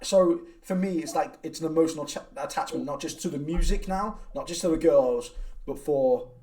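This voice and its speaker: A man hosting a casual podcast, talking in an animated way, swearing and laughing often. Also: on the high side, normal speed, distant mic. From United Kingdom. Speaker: podcast host and reaction channel creator. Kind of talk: casual chat.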